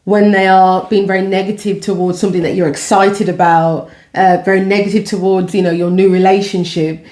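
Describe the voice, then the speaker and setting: Female vlog co-host, medium-pitched, casual and conversational, in a room with noticeable echo. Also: level tone, brisk, hardly any pauses, a little mellow. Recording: echoey room.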